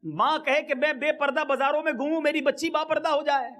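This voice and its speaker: High-voiced man preaching emphatically. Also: steady tone, fairly bright tone. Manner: emphatic, exhorting, swinging pitch. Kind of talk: sermon.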